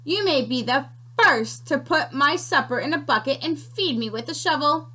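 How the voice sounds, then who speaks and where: A woman voicing a small, bossy female sand creature in a storybook read-aloud, speaking slowly with a crackly voice. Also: sits high, animated, bright, forceful tone. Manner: slow and drawn out.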